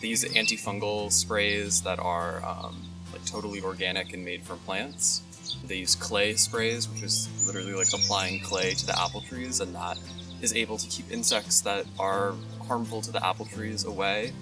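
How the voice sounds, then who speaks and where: A man's voice: lowish voice, fairly even intonation, normal speed. A young man who works on a farm, speaking casually in a documentary interview with many "um" fillers. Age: young adult. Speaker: farm worker. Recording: distant mic with loud music.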